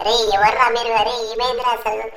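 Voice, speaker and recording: A panicky young man, played by a woman, pleading over and over at a rapid pace. The voice has a gravelly, creaky edge. It is recorded in a roomy, echoey space with faint music in the background. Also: a little high, level tone. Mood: panicked. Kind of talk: gaming cartoon voiceover.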